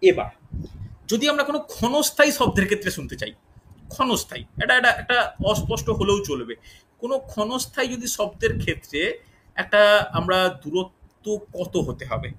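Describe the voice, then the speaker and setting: High, bright-voiced man teaching physics. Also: rough recording. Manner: asks students questions and repeats key figures slowly. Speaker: exam coaching teacher. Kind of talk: live online physics class. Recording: faint background noise.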